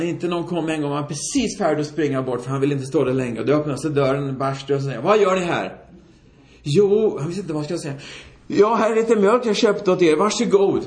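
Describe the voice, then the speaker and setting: A man delivers a sermon in a slightly high voice, acting out the voices in his stories as he goes. The sound is roomy, with echo from the hall around him. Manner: animated storytelling, acts out quoted voices. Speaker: preacher. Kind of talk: sermon with storytelling. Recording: echoey room.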